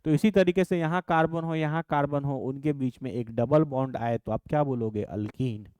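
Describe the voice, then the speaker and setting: A man teaching a chemistry class, dictating definitions slowly and calling his students "babu". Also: medium pitch, darkish tone, smooth, dry recording.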